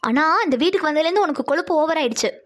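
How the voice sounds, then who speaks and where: A woman voicing a calm, level-headed young woman who chides her younger sister in a cartoon dub. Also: sits high, racing. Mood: chiding.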